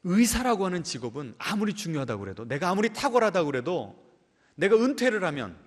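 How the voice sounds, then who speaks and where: Lively pastor preaching in echoing hall. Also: male voice, quick pace. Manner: preaching with call-and-response questions to the congregation; swings between raised emphatic lines and low, soft phrase endings. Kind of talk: sermon. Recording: church hall with long reverb.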